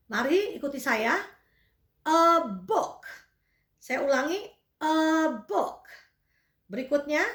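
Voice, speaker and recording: A woman's voice: high voice, a bit bright. Patient woman teaching in an echoey room. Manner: explains patiently, drills words slowly and clearly. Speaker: English teacher. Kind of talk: language lesson with repeat-after-me drills.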